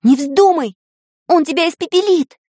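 Anxious storybook girl, a woman voicing her, tense exclaiming with a lively pitch. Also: slow, no echo, clean studio sound, exaggerated voice. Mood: alarmed. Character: anxious young girl wizard, quick to fear.

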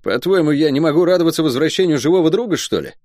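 A man voicing a boisterous, cheeky male soldier and gambler who talks in loud, excitable exclamations. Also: fairly high pitch, fast, dry recording, clean studio sound, pitched above the performer's own voice, natural voice. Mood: indignant.

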